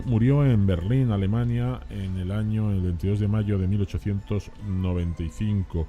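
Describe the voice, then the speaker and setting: Low mellow guy on a radio talk show, chatty, lots of restarts, faint music under. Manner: conversational, hesitant with many restarts. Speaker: radio host.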